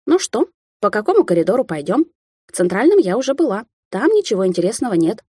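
A woman's voice: medium pitch, very animated, fast talker, warm tone, slightly rough, dry recording, clean studio sound, voice pushed up. A woman voicing a playful, cunning red-haired young witch who talks in a carefree, teasing, sing-song way.

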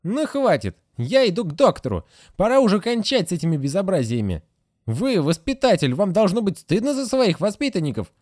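Man doing a shrill scolding nurse. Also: big pitch swings, moderate pace, darkish tone, no room sound, clean studio sound. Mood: scolding, indignant. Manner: shrill, indignant and fussy. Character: stern scolding middle-aged female nurse.

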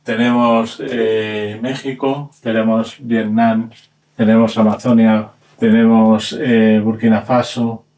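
In a noisy on-location interview at his instrument workshop, a Spanish-accented instrument maker in his fifties explains his craft casually, demonstrating as he goes and tacking on short tag questions. His voice is lowish, level and a little mellow, and he takes his time.

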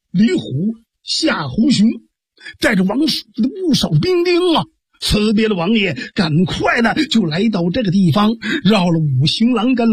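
A man narrating a traditional Chinese storytelling piece, dramatic and lively, adding spoken sound effects. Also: sits high, breathy edge, dry recording. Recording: dry studio radio recording.

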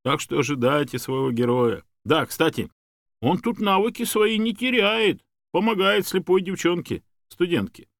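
A man voicing a brisk, good-humoured middle-aged man who speaks in an upbeat, reassuring way. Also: high voice, no room sound, clean studio sound, pitched above the performer's own voice. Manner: upbeat and reassuring, a bit raised.

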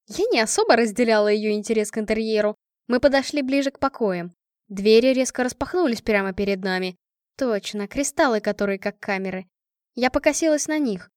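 A woman reading a first-person fantasy audiobook in a lively, expressive way, recorded on a close studio mic. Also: a little high, brisk, no echo. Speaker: audiobook narrator.

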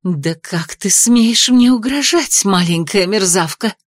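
A woman's voice: on the low side, animated, a little slow, no echo. Woman doing a snooty rich mother-in-law, cold and scornful, dry close sound. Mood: indignant. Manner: imperious, scornful. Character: haughty aristocratic mother-in-law, imperious and scornful.

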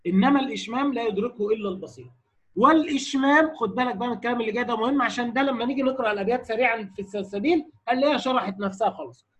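A man's voice: extremely high pitch, racing, breathy edge. A man with an Egyptian accent giving a classroom lecture on Quran recitation rules, quoting texts and asking his students checking questions. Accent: Egyptian Arabic. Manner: explains, quotes texts, then asks students checking questions. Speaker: teacher.

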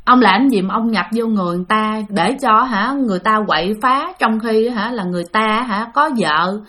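A woman voicing a calm older male exorcist master who coaxes and bargains patiently. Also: mid-range voice, brisk, natural voice. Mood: coaxing.

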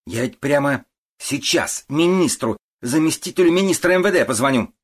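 A man's voice: a little high, expressive, moderate pace, breathy edge, pitched above the performer's own voice. A man voicing a pushy, commanding woman with powerful connections who talks in an insistent, threatening way, in an audiobook.

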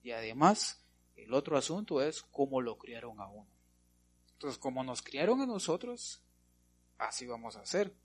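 A man's voice: mid-range voice, very animated, moderate pace, slight background noise. A male pastor preaching a sermon, punctuating his points with repeated amens and rhetorical questions to the congregation.

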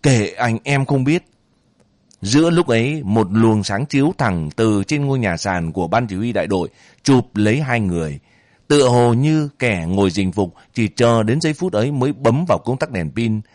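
Slow, measured male storyteller. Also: lowish voice, lively intonation, darkish tone, no room sound, studio quality. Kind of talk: audiobook narration.

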